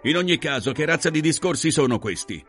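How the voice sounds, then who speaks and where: A man's voice: fairly high pitch, animated, a little fast, a bit bright, faint music behind, voice pushed up. A man voicing a scornful young husband who speaks brusquely to defend his wife. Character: contemptuous, protective young husband.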